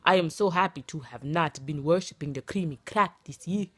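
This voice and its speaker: Husky, dramatic American woman vlogger. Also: deep voice, normal speed, a bit bright, no echo. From United States. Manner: playful, dramatic. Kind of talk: casual vlog chat.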